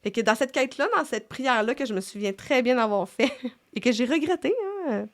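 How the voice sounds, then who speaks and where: A woman's voice: a little high, fairly quick. A middle-aged woman with a Québécois French accent, hosting a casual faith chat in a reflective way, with many fillers and restarts. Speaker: podcast host.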